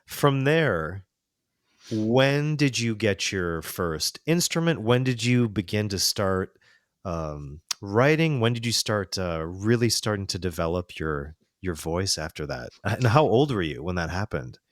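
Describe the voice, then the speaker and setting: A man hosting a podcast interview, speaking haltingly with many fillers and restarts, and full of praise for his guest. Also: lowish voice, very animated, no room sound, studio quality. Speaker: podcast host.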